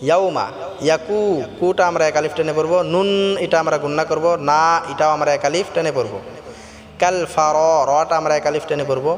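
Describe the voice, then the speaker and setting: A man teaching Quran recitation rules, slowly chanting verses in a melodic voice, then explaining pronunciation in quick plain speech. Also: a little high, fairly even intonation, big-room sound. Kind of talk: tajweed lesson alternating chanted recitation and quick spoken explanation.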